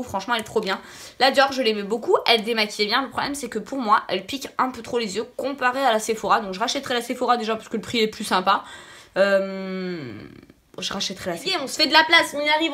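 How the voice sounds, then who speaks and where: A beauty vlogger with a fairly high, slightly bright voice talks her viewers through product reviews. She has a lisp that makes her s sounds slushy and sounds a little sick. Her tone is casual yet emphatic, and she repeats words to stress them.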